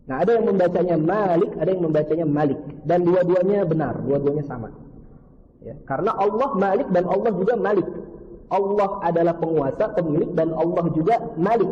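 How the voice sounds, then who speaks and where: A man's voice: a little high, big-room sound, dull audio. A man teaching a Quran study class in a mosque, explaining patiently and repeating key words. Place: mosque hall.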